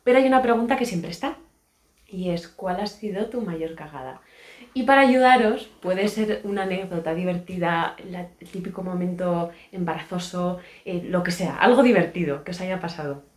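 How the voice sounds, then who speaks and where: A woman's voice: on the low side, normal speed. A woman hosting a podcast, chatting casually, asking questions and praising guests. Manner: warm and chatty, asks and praises. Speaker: podcast host. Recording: roomy echo.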